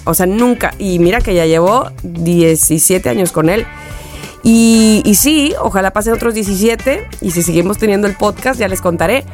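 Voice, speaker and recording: A middle-aged woman with a Mexican accent, a podcast co-host chatting casually and acting out the voices in her anecdotes. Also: medium pitch. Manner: animated storyteller who acts out quotes. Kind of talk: casual chat, storytelling.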